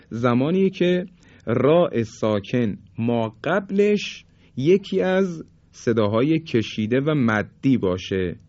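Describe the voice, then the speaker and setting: A man teaching pronunciation rules for Quran recitation, explaining quickly and then chanting example words slowly and repeatedly. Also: mid-range voice, a little mellow, no room sound. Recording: dry, slightly dull recording.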